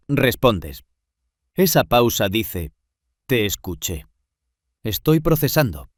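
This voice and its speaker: A man giving scripted narration in measured, short phrases with pauses. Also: mid-range voice, no room sound, clean studio sound.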